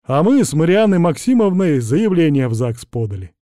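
A man's voice: a little high, very animated, moderate pace, no echo, clean studio sound. A man voicing a cheerful, bashful middle-aged male neighbor in an audiobook. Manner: warm, homely, chatty.

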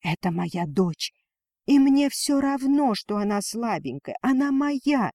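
A man voicing a fierce, protective dragoness mother in a storybook reading, his voice pushed higher and emotional. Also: lively intonation, unhurried, darkish tone, dry recording, clean studio sound. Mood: indignant. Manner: pleading then defiant, raised voice.

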